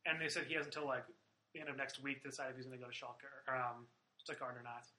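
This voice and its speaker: A man's voice: medium pitch, little pitch movement, fast talker, bright, forceful tone, poor audio. A man hosting a casual sports podcast, talking loosely with lots of fillers and swearing. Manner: loose, profane, filler-heavy. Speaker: podcast host.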